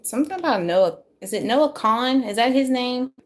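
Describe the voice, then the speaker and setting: A woman giving a casual live tarot reading from a room at home, recorded on her phone. Her voice is turning a little hoarse, and her pitch swings widely as she chats and jokes with her viewers. A faint hiss sits behind her. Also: lively intonation, moderate pace. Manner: chatty, self-deprecating, talks to viewers. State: losing her voice, a bit hoarse. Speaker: tarot reader.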